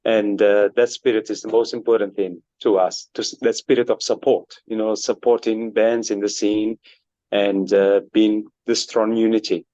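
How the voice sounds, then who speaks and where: A man's voice: on the low side, level tone, moderate pace, dark tone, no room sound, lo-fi sound. A man from Botswana, a band member being interviewed, speaking earnestly with many fillers. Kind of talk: casual interview answers.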